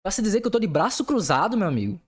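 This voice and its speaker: A man's voice: high-pitched, very animated, very fast, slightly rough. A young man hosting a casual podcast, venting angrily about his job and swearing often. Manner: angry venting, heavy swearing. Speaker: podcast host.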